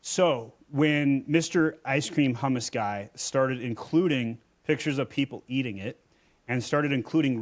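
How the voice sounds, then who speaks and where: A man speaking as a podcast guest in an even middle voice, blunt and emphatic as he makes his points. He talks in a casual, conversational way, telling stories to drive each point home. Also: medium pitch. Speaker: Amazon seller and agency owner, podcast guest.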